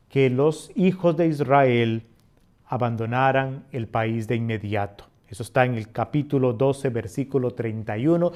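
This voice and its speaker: A Costa Rican man with a warm, medium-pitched voice and a Costa Rican Spanish accent teaches scripture. He reads passages slowly and then explains them with swelling emphasis.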